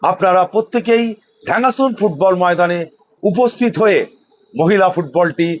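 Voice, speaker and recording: A man with a high-pitched voice and a West Bengal accent works as an event announcer. He delivers a football tournament promotion emphatically, repeating key names and invitations for the listeners. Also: moderate pace.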